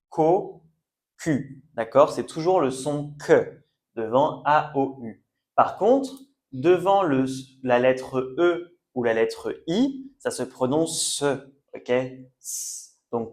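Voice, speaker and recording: A man teaching a French pronunciation lesson, slowly repeating each word for learners. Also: medium pitch, a little mellow. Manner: slow, careful, repeats words for learners. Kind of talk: language lesson at a whiteboard.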